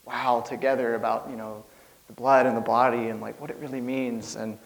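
A man's voice: mid-range voice, flat delivery, a little fast, vocal fry, rough recording. A young man giving an informal church sermon, rambling nervously with lots of fillers and laughs.

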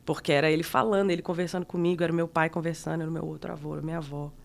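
A woman from Minas Gerais with a Minas Gerais accent, a guest artist telling stories in a reflective, casual interview with many pauses. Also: low-pitched, little pitch movement, creaky. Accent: Minas Gerais Brazilian Portuguese. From Minas Gerais, Brazil.

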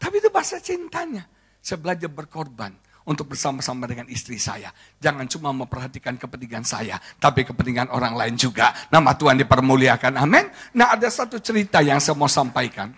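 A middle-aged man from Indonesia preaching a sermon as pastor, telling stories with lively acted quotes and jokes. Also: medium pitch, brisk, slightly rough.

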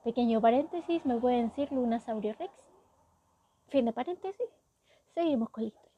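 Chatty Chilean woman with a high voice. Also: a little fast, muffled recording, a little hiss or hum. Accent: Chilean Spanish. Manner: chatty, wry, indignant asides. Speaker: storyteller. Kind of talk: casual story recap.

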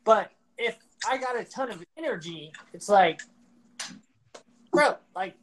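Slow, halting man, faint noise. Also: high voice, expressive, a bit bright. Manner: halting, casual and frank. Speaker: podcast host. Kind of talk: candid personal talk.

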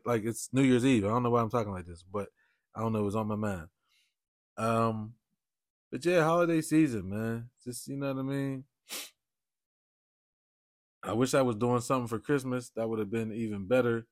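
A man's voice: medium pitch, moderate pace, pauses often, dry recording, clean studio sound. A man hosting his own podcast in a loose, rambling way, often tagging on "you know what I mean". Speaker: podcast host. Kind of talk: casual solo podcast talk.

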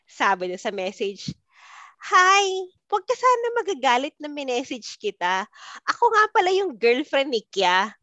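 A woman's voice: high voice, big pitch swings, measured pace, pushed and bright, dry recording. A woman, co-hosting a podcast and telling a personal story in a casual chat with friends. She is dramatic and acts out the messages she quotes. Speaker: podcast co-host.

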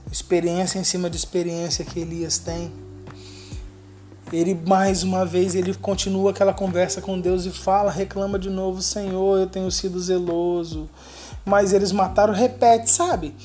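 A woman preacher giving an emphatic sermon that slows into soft, hushed passages. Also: lowish voice, steady tone, faint music behind.

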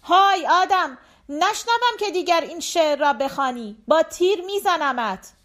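A woman's voice: sits high, sing-song, voice pushed up. A woman reading an audiobook voices a stern, short-tempered older Turkmen man who barks his warnings. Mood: angry shouting.

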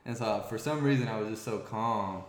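Low-voiced man telling a game story. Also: a little fast, a little hiss or hum. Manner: rambling, many restarts, grows excited. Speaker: former college quarterback guest. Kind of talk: casual storytelling interview. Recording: echoey room.

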